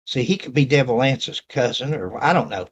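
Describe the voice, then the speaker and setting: A man's voice: medium pitch, animated, normal speed, husky, dull audio. A man with an Appalachian accent hosting a casual, rambling talk to viewers and reading messages aloud. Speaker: host.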